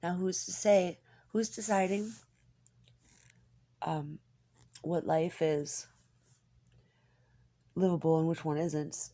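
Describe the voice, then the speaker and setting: A woman in a rambling, confessional personal monologue, halting and candid, with a husky, gravelly voice that often drops toward a whisper. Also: lowish voice, fairly even intonation, mellow. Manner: halting, hesitant, candid, swearing.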